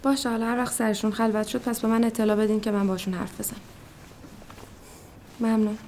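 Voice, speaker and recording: A woman's voice: fairly high pitch, little pitch movement, a little mellow, slight background noise, close to an everyday voice. An actress playing an anxious wife and mother who presses people with urgent questions. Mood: weary. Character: anxious wife and mother, young adult woman. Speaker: worried wife of an injured man. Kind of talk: film acting.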